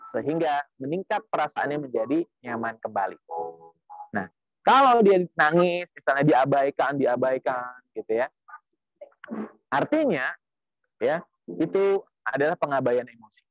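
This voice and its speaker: A man's voice: on the high side, sing-song, moderate pace, long pauses, no room sound, dull audio. A man giving a parenting seminar lecture, explaining patiently with many small tag asides and religious phrases.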